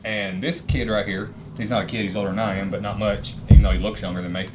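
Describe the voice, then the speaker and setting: A man's voice: on the low side, fairly even intonation, fast, heavy background noise. A middle-aged man, co-hosting a casual podcast chat, rambling and chuckling often. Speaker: podcast co-host and author.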